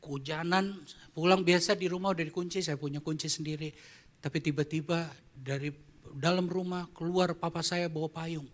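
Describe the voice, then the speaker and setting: A man's voice: fairly high pitch, steady tone, moderate pace. A man who is a pastor, preaching a storytelling sermon at a church service in a conversational way and asking the congregation questions.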